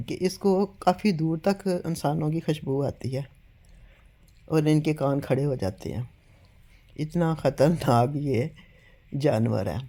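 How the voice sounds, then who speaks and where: Sitting at home before a phone camera, an older woman vlogger recounts a story in a low, mellow voice. She sounds earnest yet a little weak, being unwell, and keeps pressing listeners to believe what she says.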